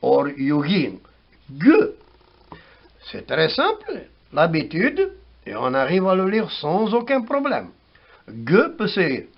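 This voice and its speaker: A man giving a spoken language lesson, slowly repeating words to show how they are pronounced, on a dull lo-fi recording. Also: on the high side, wildly swooping pitch, vocal fry, slightly rough. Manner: slow, repeats words for pronunciation. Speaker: language teacher.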